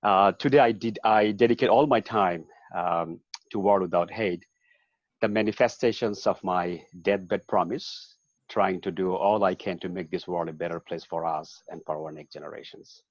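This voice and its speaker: A man from Bangladesh giving measured, solemn testimony on a video panel. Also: sits low, dry recording, muffled recording. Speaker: panel guest, activist. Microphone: video call.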